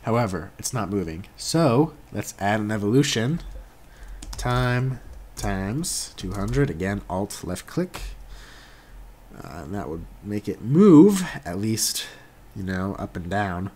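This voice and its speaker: A young man hosting a casual software tutorial, laid-back and jokey, often correcting himself as he works along. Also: lowish voice, big pitch swings, slow pace. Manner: laid-back, jokey, self-correcting, talks while working. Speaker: tutorial host.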